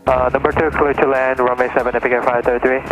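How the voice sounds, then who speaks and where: Male pilot over the radio with a mid-pitched, even, unexcited delivery. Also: quick pace, creaky, over music, rough recording. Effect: pilot's voice over the aircraft radio. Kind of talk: radio calls to the control tower.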